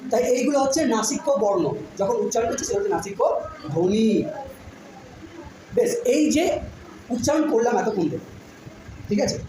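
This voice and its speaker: Echoey classroom teacher, patient and repetitive. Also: female voice, a little high, expressive. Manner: patient, repeats sounds slowly, checks understanding often. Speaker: school teacher. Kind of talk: classroom phonetics lesson. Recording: very echoey room, noisy background.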